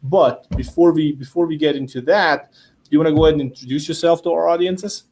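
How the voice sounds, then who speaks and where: A man's voice: a little high, fairly quick, a little hiss or hum. A man hosting a casual interview, speaking loosely with frequent restarts and repeated words. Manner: relaxed, hesitant, repeats words. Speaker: host.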